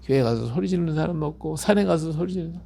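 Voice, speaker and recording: A man's voice: on the high side, quick pace, gravelly, warm tone. A middle-aged male pastor giving a Bible-reading sermon, emphatic and repetitive, often asking his listeners for agreement.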